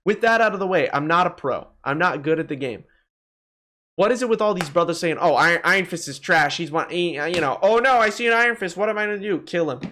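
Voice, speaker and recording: Talking fast in a high register, a young man jokes his way through a ranking in a gaming video. His commentary is casual, opinionated and animated, sprinkled with mild profanity.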